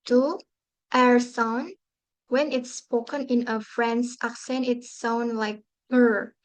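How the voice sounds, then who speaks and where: Female student presenter, slow careful reading, somewhat high voice, class presentation. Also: flat delivery, poor audio. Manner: careful, reads from notes with restarts.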